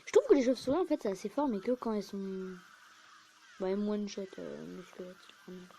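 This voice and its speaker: A woman's voice: mid-range voice, expressive, fast, creaky, dark tone, a little hiss or hum. A woman giving casual, rambling gameplay commentary as a YouTuber, chatty and self-mocking. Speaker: gaming YouTuber.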